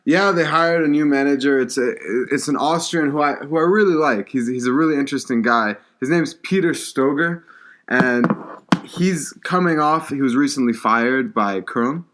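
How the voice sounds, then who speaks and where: A man's voice: mid-range voice, moderate pace, a bit bright. Young man chatting casually about sports. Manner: repeats words often, hesitant restarts. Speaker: podcast co-host.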